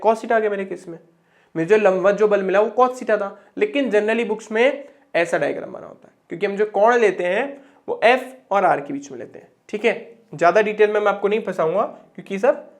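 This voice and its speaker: A young man teaching a physics lesson at a board, chatty, asking and answering his own questions and repeating words for emphasis. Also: high-pitched.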